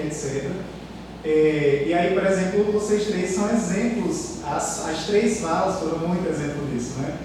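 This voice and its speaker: A Brazilian man moderates a university panel in a notably high voice. He reflects informally, often ending on tag questions. He is heard from a distance in a large, long-reverb amphitheater with audible noise. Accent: Brazilian Portuguese. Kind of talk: academic panel discussion. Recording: echoey hall, distant mic, noise.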